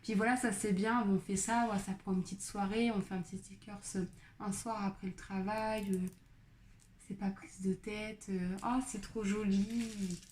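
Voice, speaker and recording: A woman's voice: medium pitch, steady tone, moderate pace, darkish tone, slight background noise. Chatty French woman gushing over crafts. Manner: chatty, gushing, many fillers and little exclamations. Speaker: craft vlogger. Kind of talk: casual unboxing chat.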